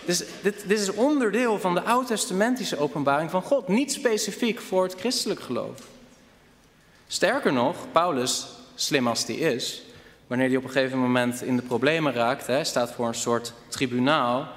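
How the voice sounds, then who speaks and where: Male preacher with a higher voice and lively delivery, recorded in a reverberant church hall. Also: normal speed. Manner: animated, addresses the congregation with rhetorical questions. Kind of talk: sermon.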